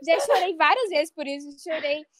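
A woman's voice: high voice, normal speed, a crowd in the background. A young woman co-hosting a casual podcast chat, telling an anxious, self-mocking story about her fears. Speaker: podcast co-host.

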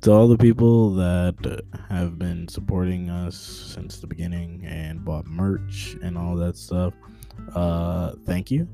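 A man's voice: low voice, fairly even intonation, slow pace, gravelly, over music. A young man hosting his own podcast, talking off the cuff in a joking, rambling way and tripping over his words. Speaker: podcast host. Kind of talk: unscripted casual podcast update.

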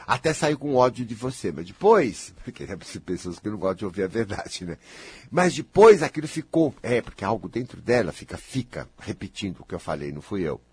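Emphatic Brazilian man with a husky voice. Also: on the low side, big pitch swings, brisk, a little mellow, no room sound. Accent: Brazilian Portuguese. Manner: emphatic, teasing and scolding, talks straight to the listener. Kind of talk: animated spontaneous monologue.

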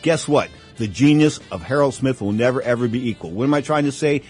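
This sports radio host has a medium-pitched, slightly mellow voice with a breathy edge, talking briskly over faint music in the studio. His boxing monologue is emphatic and theatrical, packed with ring-announcer touches and catchphrases he keeps repeating.

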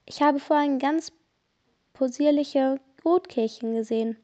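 A woman's voice: sits high, a little slow, mellow. A woman voicing a prim, genteel lady of a castle in a read-aloud story, on a dull lo-fi recording.

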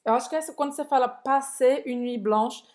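A woman's voice: sits high, a little fast, a little mellow. Chatty woman co-hosting a lesson. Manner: chatty, asks follow-ups and explains in Portuguese. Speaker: co-host. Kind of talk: podcast language lesson.

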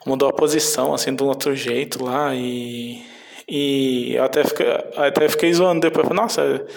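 A man's voice: mid-range voice, steady tone, moderate pace, creaky. A man with a Brazilian Portuguese accent telling a story casually in a meandering, hesitant way.

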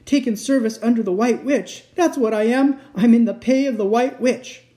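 A woman's voice: a little high, moderate pace, warm tone, voice pushed up, close to an everyday voice. A woman voicing a sorrowful, guilt-ridden male fawn in a melodramatic, tearful storybook reading. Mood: guilty, anguished. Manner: tearful, self-reproaching, melodramatic.

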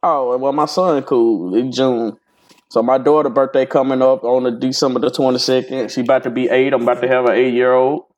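A man's voice: medium pitch, steady tone, fairly quick, a little mellow. A man in his twenties co-hosting a casual podcast chat, blunt and joking. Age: 20s. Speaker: podcast co-host.

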